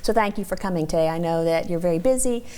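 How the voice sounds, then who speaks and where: A woman's voice: lowish voice, fast, dark tone, smooth. A woman hosting an interview show, moving from a scripted introduction into a chatty conversation full of affirmations. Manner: friendly, chatty, many affirmations. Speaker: host.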